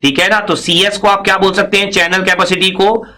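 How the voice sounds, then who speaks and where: A man's voice: high-pitched, level tone, brisk, sharp tone. A man giving a recorded engineering lecture, explaining step by step, asking and answering his own questions, and mixing in English technical phrases.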